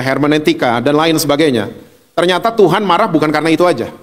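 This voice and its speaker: A male pastor delivers a sermon full of lively, joking stories. His voice sits high for a man. The sound carries a long reverb from a church hall. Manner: lively, humorous storytelling.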